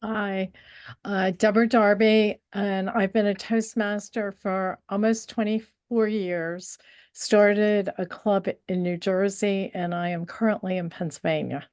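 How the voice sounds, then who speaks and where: A woman's voice: medium pitch, fairly even intonation, a little slow, darkish tone, smooth, dry recording, studio quality. A woman introducing herself on a video call, friendly and matter-of-fact. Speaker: meeting participant. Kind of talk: self-introduction.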